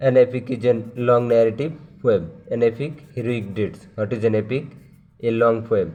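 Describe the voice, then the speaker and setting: A man with a Bangladeshi accent teaching a lesson, reading out terms one by one and explaining each, moving between English terms and Bengali, with drawn-out fillers. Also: mid-range voice, a little mellow, breathy edge, muffled recording.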